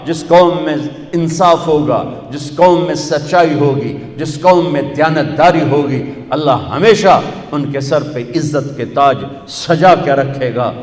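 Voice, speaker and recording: A male preacher delivers a sermon with rhythmic, emphatic lists that rise in repetition. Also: a little high. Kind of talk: Urdu sermon. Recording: echoey hall with long reverb.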